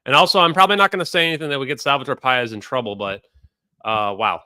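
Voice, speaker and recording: Excitable man with a bright, crisp voice. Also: medium pitch, fast, no room sound. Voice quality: excitable, chatty, talks to viewers. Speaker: host reacting to a podcast. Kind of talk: casual reaction commentary.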